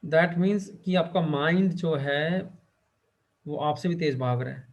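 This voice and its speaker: Guy teaching a class, voice a bit high, keeps asking the room questions, kinda dull lo-fi sound. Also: noisy background. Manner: quizzes students and fills pauses with "theek hai". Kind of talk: classroom lecture.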